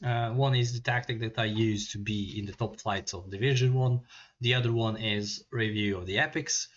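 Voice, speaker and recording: A man giving a casual review of video game players, halting with frequent filler sounds and reading off lists of traits. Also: fairly low pitch, fairly even intonation, a bit bright, muffled recording.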